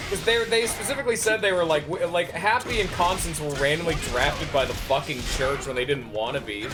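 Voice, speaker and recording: A man's voice: on the high side, fairly quick, music in the background. A man giving casual, rambling, sweary commentary while he plays a video game. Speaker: gameplay commentator.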